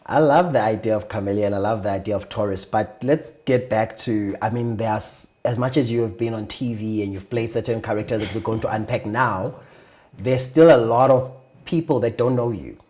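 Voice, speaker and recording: South African male talk host, mellow tone, thoughtful and curious interviewer. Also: lowish voice, normal speed. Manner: thoughtful, warmly curious questioning. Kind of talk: casual interview chat.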